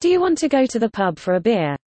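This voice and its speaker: A woman's voice: a little high, sing-song, a little slow, mellow, no echo. A woman narrating a language lesson, reading scripted example sentences for learners.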